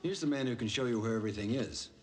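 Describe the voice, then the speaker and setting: An actor playing a casual, wry building worker in a film. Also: male voice, medium pitch, racing, a little hiss or hum, natural voice.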